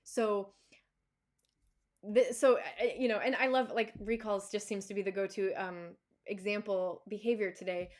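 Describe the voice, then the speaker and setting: Chatting live and casually with viewers, a woman who trains dogs fields their questions in a mid-range voice. Her speech is loose and full of fillers and restarts, and laughter comes to her readily.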